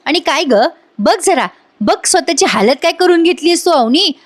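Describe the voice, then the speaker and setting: A woman's voice: very high-pitched, expressive, moderate pace, voice pushed up. A woman doing a sneering, taunting man. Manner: sneering, mocking.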